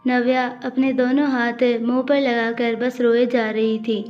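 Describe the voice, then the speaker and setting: A woman narrating an audiobook story in a steady, even reading. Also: fairly high pitch, measured pace. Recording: dull audio with faint music.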